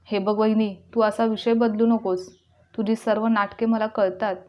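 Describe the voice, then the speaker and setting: A woman's voice: medium pitch, level tone, normal speed, natural voice. A woman voicing a grown daughter who confronts her sister-in-law sarcastically. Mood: scolding. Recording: dull lo-fi recording.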